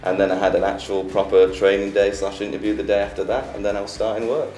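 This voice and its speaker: A young man in his twenties talks easily and cheerfully about his experiences. His voice sits very low. The room is echoey, with faint music underneath. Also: quick pace. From England. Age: 20s. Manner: relaxed, upbeat, easygoing. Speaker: interviewee. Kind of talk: casual interview chat. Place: small office studio, indoors.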